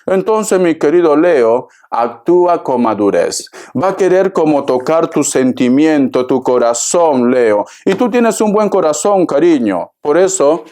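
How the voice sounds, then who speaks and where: A man with a fairly high voice gives a tarot reading, talking straight to his viewer. His delivery is theatrical and chatty, and he keeps calling the listener darling as he goes. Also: lively intonation, unhurried, few pauses, dark tone. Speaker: tarot reader.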